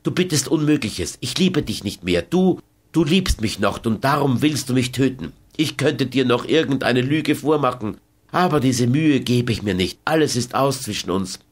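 A defiant young woman voiced by a man reading aloud who meets every plea with icy resolve. The voice sits clearly higher than the reader's own, firm and unbending. She sounds like someone who has made up her mind for good. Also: expressive, moderate pace, natural voice. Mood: cold defiant. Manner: cold, resolute, unyielding. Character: proud defiant young Romani woman, fatalistic. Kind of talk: audiobook character voice.

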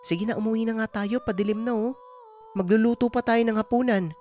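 A man voicing a gentle, worried middle-aged village mother who soothes and pleads. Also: high-pitched, fairly even intonation, a little fast, voice pushed up, close to an everyday voice. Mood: soothing.

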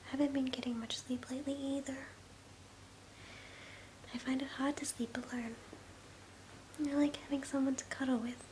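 Casting: woman, twenties, whispered role-play as drowsy, tender girlfriend; soft, soothing, higher-pitched, close-miked. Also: little pitch movement, moderate pace, long pauses, poor audio. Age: 20s. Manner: soothing, affectionate, intimate. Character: sleepy, affectionate girlfriend comforting her partner in bed. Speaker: ASMR performer. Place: small bedroom, indoors. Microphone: close to the mouth. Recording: clear background hiss and ambience.

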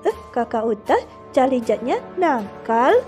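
A woman voicing a small child who speaks slowly and childishly in a deepened voice in a game role-play drama. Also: lively intonation, darkish tone, faint music behind. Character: small child who talks about herself by name.

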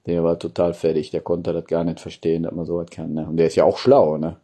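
A man in his forties talks off the cuff into a phone held at arm's length in a room. His voice is very dark and mellow, and he often ends phrases with a colloquial questioning tag. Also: low-pitched, level tone, quick pace, husky. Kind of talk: casual rambling chat to camera. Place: small indoor room.

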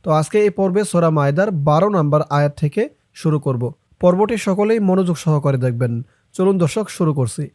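A young man teaching Quran reading, explaining each sound and then chanting the verses slowly and drawn out. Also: on the high side, lively intonation, a little mellow, dry recording, clean studio sound. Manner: slow, drawn-out chanting of verses between quick spoken explanations. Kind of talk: Quran recitation lesson.

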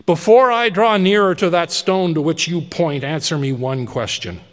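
A man's voice: fairly high pitch, moderate pace, pitched above the performer's own voice, lightly acted. A man voicing an old repentant miser, speaking in an impassioned, exclamatory way. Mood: pleading. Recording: long reverberant hall.

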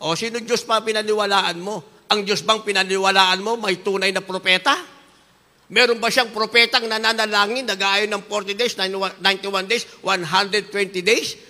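A woman's voice: medium pitch, fairly even intonation, normal speed, bright, forceful tone, long reverb tail. A woman preacher giving an impassioned sermon, fervent and repetitive, slipping between languages. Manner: fervent, repeats "beloved" refrain, switches into English.

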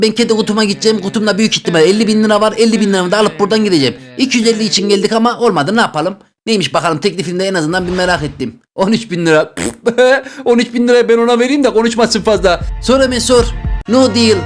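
A man playing an online game show for his channel, joking and reacting loudly as he picks boxes. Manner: excitable, jokey, rapid banter with swings in pitch. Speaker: gaming YouTuber.

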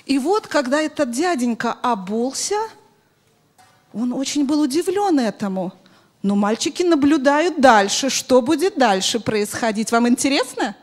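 A middle-aged woman teaching children through an interactive story, expressive and instructive, often putting questions to them, speaking into a handheld microphone in a hall. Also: high-pitched, unhurried. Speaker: children's Sunday school teacher. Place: large bright church hall with audience of children.

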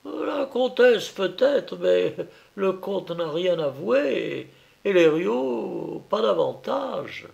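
A man reading an audiobook, voicing a sly, mocking police agent in a raised, gravelly voice. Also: high voice, sing-song, drawn-out words, a little mellow, dull audio, voice pushed up, full character voice. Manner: ironic, taunting.

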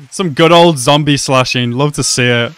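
A young man reacting to an anime episode at home, talking excitedly and exclaiming often. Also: a little high, takes it slowly. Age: young adult. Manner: animated, exclaims and laughs often. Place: small room at home.

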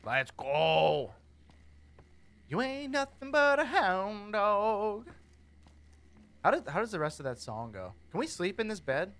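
Goofy, lively man playing a game. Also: on the high side. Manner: goofy, rambling, jokey, talks to characters. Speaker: gaming streamer. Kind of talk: casual gameplay commentary.

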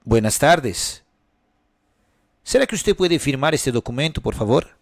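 A man's voice: mid-range voice, very animated, no room sound, studio quality. A man playing a cold formal messenger. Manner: slow, formal, deliberate. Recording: music playing behind.

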